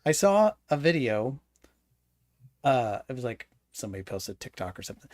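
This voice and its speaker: A man's voice: medium pitch, very animated, moderate pace, dry recording. A man co-hosting a tech podcast in casual chat, playful and joking. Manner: playful, jokes about putting on accents. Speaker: podcast co-host. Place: Pacific Northwest.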